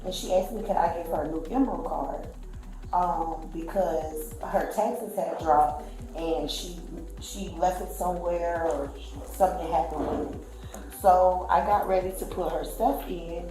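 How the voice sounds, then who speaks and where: A woman's voice: lowish voice, unhurried. A woman telling police a long, rambling account, acting out what others said. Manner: rambling storytelling, acting out quoted speech. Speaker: witness. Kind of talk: recounting events to police. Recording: very echoey room with faint music.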